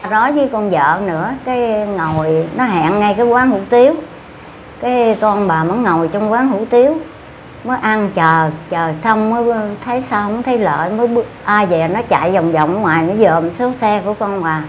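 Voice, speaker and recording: A woman's voice: medium pitch, normal speed, a little hiss or hum. An older woman with a Southern Vietnamese accent, recounting an event in a rambling, repetitive way with many fillers. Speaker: interviewee. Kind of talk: casual storytelling.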